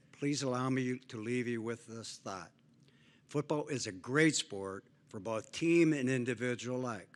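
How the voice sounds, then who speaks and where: An older man giving a hall of fame acceptance speech, earnest and emphatic, with some halting restarts. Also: medium pitch.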